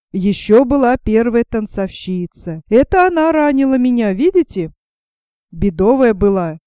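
A woman voicing a boastful male shirt collar, a vain dandy who talks slowly and flatters in a fairy-tale reading. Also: a little high, clean tone, no room sound, clean studio sound.

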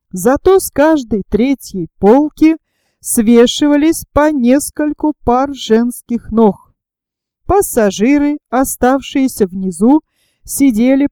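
High-voiced, slow woman narrator. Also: dark tone, clean tone, no echo. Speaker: audiobook narrator. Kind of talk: scripted narration.

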